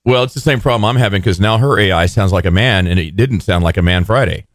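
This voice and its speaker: A man's voice: fairly low pitch, fast talker, no echo. A man hosting live radio with casual, teasing, joking banter in a studio. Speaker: radio host.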